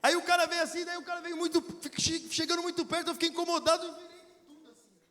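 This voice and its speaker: A man's voice: very high-pitched, flat delivery, quick pace, pushed and bright. A man with a Brazilian Portuguese accent telling a casual, slangy sermon story to a conference audience, acting out the dialogue. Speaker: preacher at a youth conference. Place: large hall with audience. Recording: long hall reverb, crowd murmur.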